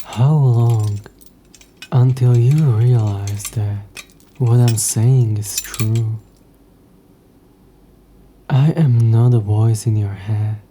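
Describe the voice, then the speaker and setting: A very dark, low voice for a possessive ancient demon, acted by a man in an audio drama. He is husky and hushed, speaking slowly in formal, old-fashioned phrases with haughty, dry condescension. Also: steady tone, slight background noise. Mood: smug, impatient. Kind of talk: scripted audio roleplay.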